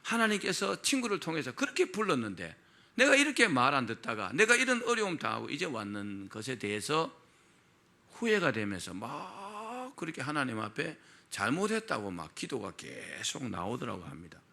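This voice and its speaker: A middle-aged male pastor delivers a sermon in a gravelly, forceful voice. His pitch moves animatedly as he tells a story, and he keeps turning to the congregation with rhetorical questions. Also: wildly swooping pitch, normal speed.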